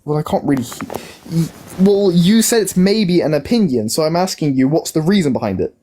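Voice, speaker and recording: A young man in his early twenties argues on a casual live stream. His mellow, darker voice moves through a wide, lively pitch range. He keeps circling back to the same question, stumbling into restarts as he pushes. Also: fairly quick. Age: young adult. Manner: insistent, repetitive, stumbling restarts. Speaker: livestream guest.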